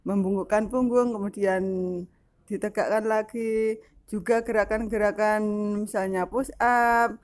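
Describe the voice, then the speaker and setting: A woman's voice: mid-range voice, steady tone, measured pace. A woman teacher explaining a lesson to young children, patient and step by step, with frequent fillers. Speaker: primary school teacher.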